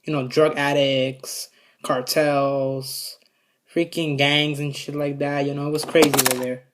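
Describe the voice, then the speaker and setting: A vlogger telling a story to a camera in a casual, rambling way, swearing often and filling pauses with "you know" and "like". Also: mid-range voice, level tone. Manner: rambling, profane, many fillers. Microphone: camera set up in front of them.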